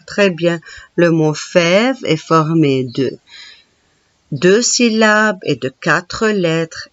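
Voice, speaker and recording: A woman teaching a reading lesson, slowly splitting words into syllables and patiently counting letters with her pupils. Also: lowish voice, no room sound, lo-fi sound.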